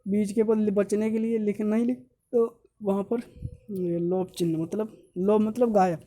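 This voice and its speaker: A man's voice: sits high, fairly even intonation, measured pace, warm tone. Man teaching a grammar lesson, many restarts. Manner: repeats and explains step by step, many restarts. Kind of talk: exam-prep grammar lesson.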